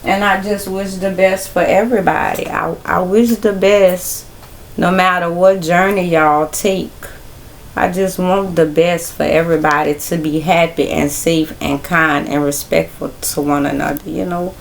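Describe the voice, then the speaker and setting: A woman hosting a casual Bible study livestream, talking in a relaxed, rambling way straight to her viewers. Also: fairly low pitch, a little slow, creaky, a little hiss or hum. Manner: relaxed, rambling, speaks directly to viewers as y'all.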